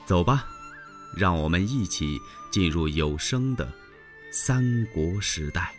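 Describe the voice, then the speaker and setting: A man's voice: low voice, animated, takes it slowly, soft background music. A man giving a scripted, inviting channel intro for an audio story.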